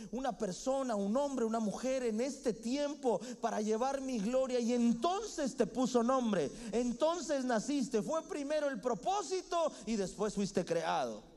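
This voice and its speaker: A man's voice: extremely high pitch, darkish tone. A young man preaching a sermon as guest preacher, emphatic, with frequent "amén" interjections and big swings in volume, acting out the voices of people in his story. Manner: acts out voices when quoting family members in his story.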